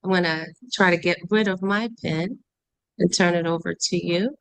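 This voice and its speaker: Clear, smooth-voiced woman hosting. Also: fairly low pitch, steady tone, normal speed, low-quality recording. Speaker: host and moderator. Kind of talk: unscripted introduction of speakers on a livestream. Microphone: video call.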